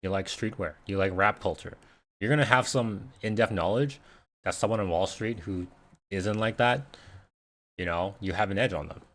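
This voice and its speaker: This investing livestream host, a native Cantonese speaker, has a lowish, slightly bright voice and talks at normal speed. His casual Q&A chat rambles, full of fillers and sentences he restarts.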